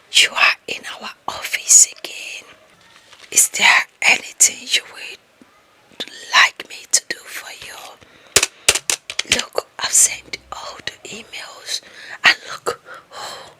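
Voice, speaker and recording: A woman with an African accent whispers breathily through an ASMR roleplay as a lovestruck, possessive young office worker, fawning and coaxing with slow emphasis. Her mid-range voice sounds pushed, bright and exaggerated.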